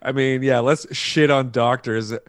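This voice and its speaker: A man's voice: medium pitch, moderate pace, no echo, studio quality. A man hosting a podcast, chatting casually and jokingly steering the conversation. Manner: lively, jokey, introduces segments. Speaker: podcast host.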